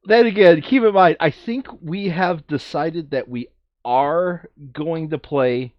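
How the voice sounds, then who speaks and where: With a high-sitting voice, this man casually chats and sorts game cards as host of a board game video, thinking aloud and often correcting himself. The recording is muffled and has no room sound.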